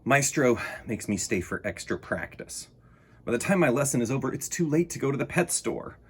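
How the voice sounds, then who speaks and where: A storybook boy played by a man tells his own tale with wide, swooping expression. The voice is husky and mid-pitched, with dramatic pauses that suit a children's read-aloud. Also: big pitch swings, a bit bright, exaggerated voice. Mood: matter-of-fact. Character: young boy narrator, wary then fond of his pet fish.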